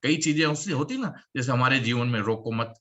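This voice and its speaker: A man delivers an upbeat presentation to an audience, pushing his pitch with emphatic repetition and calls for applause. His voice is bright and forceful, and his pitch leaps up and down for emphasis. He moves through his material like a salesman working a room. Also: animated, brisk. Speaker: presenter at a business opportunity meeting.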